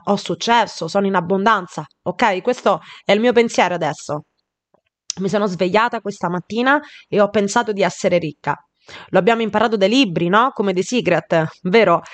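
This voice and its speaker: An earnest woman hosting a motivational podcast and speaking straight to her listener. Her voice sits at an ordinary middle pitch. It is recorded close on a dry microphone with no room sound. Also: no room sound. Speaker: podcast host.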